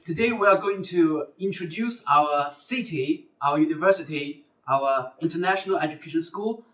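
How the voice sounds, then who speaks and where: A man's voice: fairly high pitch, a bit bright. A man hosting a live university recruitment lecture, speaking hesitantly with fillers and self-corrections. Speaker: host. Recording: roomy sound from far off the mic.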